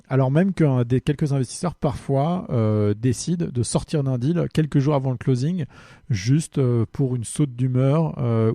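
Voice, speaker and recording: A man hosts a casual solo podcast and answers listener questions, pausing often to search for words. His voice is very dark and mellow. The recording is close and dry. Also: mid-range voice, no room sound. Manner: hesitant, full of fillers, friendly.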